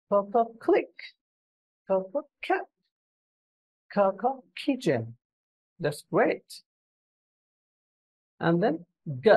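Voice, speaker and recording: A woman's voice: on the low side, a little mellow, husky. A woman teaching pronunciation, drilling each sound and word one by one, switching between Bengali explanation and English examples. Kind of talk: pronunciation lesson.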